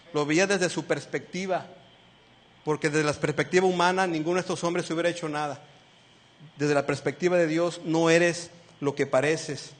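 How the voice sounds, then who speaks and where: Animated high-voiced male preacher. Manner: animated, asks the congregation questions; acts out quoted lines in shifting voices. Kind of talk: sermon.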